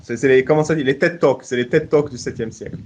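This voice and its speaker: A man's voice: mid-range voice, fast talker, darkish tone, slight background noise. A man hosting a casual live audio chat, joking and often restarting his sentences. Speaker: host.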